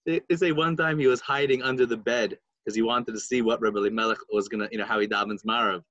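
A man telling a story in casual chat, animated and full of fillers, putting on voices for the people in it. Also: fairly low pitch, fast, no room sound, lo-fi sound.

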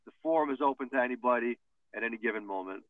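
A man's voice: medium pitch, rapid-fire, dry recording. A man with a Chicago accent co-hosting a podcast in laid-back, profane banter. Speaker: podcast co-host. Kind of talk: casual chat. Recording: tinny phone-like line, dry.

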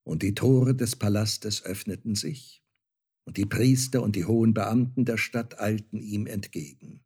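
A man reading a fairy tale aloud as narrator, calm and measured. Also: on the low side, husky.

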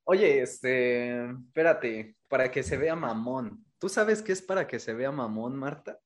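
A man's voice: medium pitch, expressive, unhurried. A man with a Mexican accent co-hosting a casual chat, thanking supporters and teasing with frequent laughs. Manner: laughs often, playful teasing. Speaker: podcast co-host.

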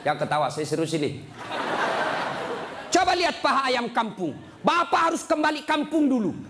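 A man's voice: extremely high pitch, very animated, moderate pace, crowd noise, background noise. A man preaching a humorous sermon to a live audience, joking and asking emphatic rhetorical questions.

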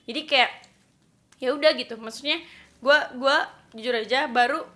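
A woman's voice: sits high, moderate pace, pushed and bright. A woman in her twenties co-hosting a casual chat, talking loosely and dropping English phrases into her speech. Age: 20s. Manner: chatty, mixes English phrases into her talk. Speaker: podcast co-host.

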